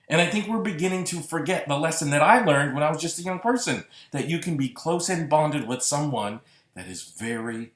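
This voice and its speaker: A man's voice: medium pitch, fairly bright tone. A man hosting a solo podcast, talking earnestly and reflectively, lingering on repeated words. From Massachusetts. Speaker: podcast host. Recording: roomy echo.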